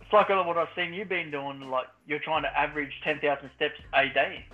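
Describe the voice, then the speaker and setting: A man's voice: a little high, steady tone, a little fast, narrow, tinny audio, faint music behind. An Australian man chatting casually in a blokey, laid-back tradesman manner. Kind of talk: casual chat.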